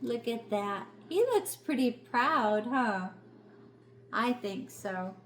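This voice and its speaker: An older woman reading a picture book aloud like a sweet grandmother, gently encouraging and chatting to a small child with questions and asides. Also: fairly high pitch, lively intonation, takes it slowly, slight background noise.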